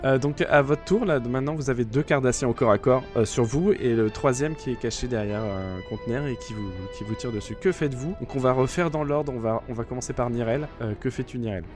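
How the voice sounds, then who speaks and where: A French man runs a tabletop role-playing session, describing outcomes and dice results. He talks at a mid pitch and stops often to restart his sentences. Faint music plays behind him. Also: a little fast, few pauses. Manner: explains rolls with many fillers and restarts. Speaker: game master. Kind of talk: narrating a tabletop game.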